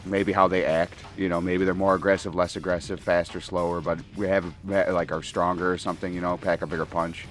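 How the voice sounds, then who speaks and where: A man's voice: deep voice, flat delivery, fairly quick, hardly any pauses, a bit bright. A man rambling casually and profanely while playing a shooter game, laughing often, at a home gaming setup with faint game music behind him. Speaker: gaming commentator.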